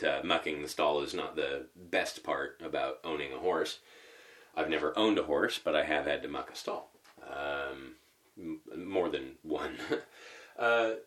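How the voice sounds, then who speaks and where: A man's voice: a bass voice, fairly bright tone. A man giving a conversational sermon, posing rhetorical questions and thinking aloud with fillers as he teaches. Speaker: preacher.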